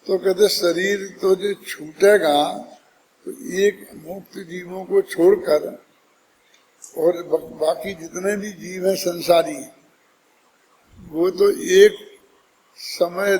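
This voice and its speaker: A man's voice: high voice, steady tone, takes it slowly, long pauses, darkish tone, in a large hall, a little hiss or hum, low-quality recording. A man giving a scripture discourse, explaining step by step and putting rhetorical questions to his listeners. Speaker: Jain scripture teacher.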